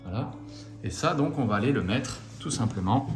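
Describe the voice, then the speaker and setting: In an echoey room with faint music behind, an RC hobby host with a French accent explains model assembly at normal speed, his medium-pitched voice full of lively intonation. He's relaxed and self-deprecating, saying each step in both languages.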